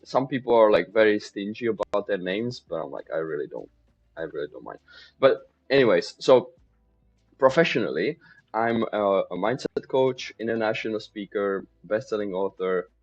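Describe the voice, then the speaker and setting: A man's voice: on the low side, expressive, normal speed, slightly rough, faint music behind. A man, chatting easily as a podcast guest and laughing readily. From Czech Republic. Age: 20s. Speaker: podcast guest, mindset coach. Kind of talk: casual interview chat. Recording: slightly dull lo-fi sound.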